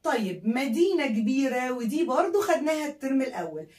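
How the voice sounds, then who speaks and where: A high-pitched woman with an Egyptian Arabic accent leads a children's vocabulary lesson, spelling each word and repeating it so pupils can echo her. Her voice sits a little off the mic, and the room around her is echoey. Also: very animated, fast, darkish tone, far from the mic. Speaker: English teacher.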